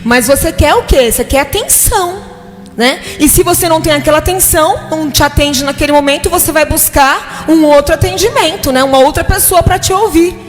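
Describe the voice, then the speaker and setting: A woman's voice: high-pitched, fairly quick. A woman with a Brazilian Portuguese accent preaching a sermon in a conversational way, often checking in with the congregation. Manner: conversational preaching, frequent "né?" tag questions to the congregation. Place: church hall. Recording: long hall reverb with faint music.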